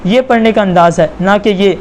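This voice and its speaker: A man teaching a Quran reading lesson, patiently repeating points and spelling syllables out slowly for the learner. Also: high-pitched, slight background noise. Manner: patient, repetitive explaining.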